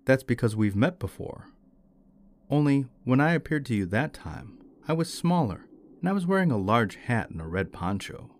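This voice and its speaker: A man voicing the devil disguised as a stranger, speaking in a calm, familiar, coaxing tone. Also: medium pitch, moderate pace, slight background noise, voice pushed up.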